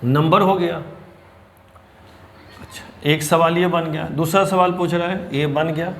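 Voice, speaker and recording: A man teaching chemistry, explaining step by step, addressing students as children and reading English terms slowly. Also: a little high, fairly even intonation. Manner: reads English question lines slowly and deliberately. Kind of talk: blackboard lecture.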